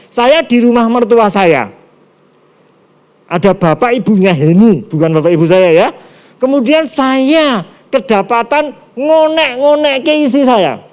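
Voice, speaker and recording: A middle-aged man with a Javanese accent preaching a sermon, lively, with quiet asides. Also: sits high. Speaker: pastor. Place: church service streamed online.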